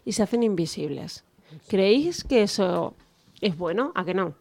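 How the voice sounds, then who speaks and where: A woman from La Mancha speaking as an interview guest, chatty and warm, with many fillers and restarts. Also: medium pitch, lively intonation, measured pace, vocal fry, no room sound. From La Mancha, Spain. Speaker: guest, podcast creator. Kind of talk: casual interview talk.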